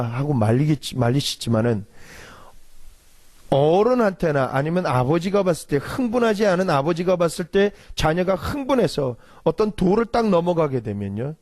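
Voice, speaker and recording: Animated Korean preaching man. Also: fairly high pitch. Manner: animated preaching, acts out quarrels in raised voice. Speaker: pastor. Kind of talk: sermon.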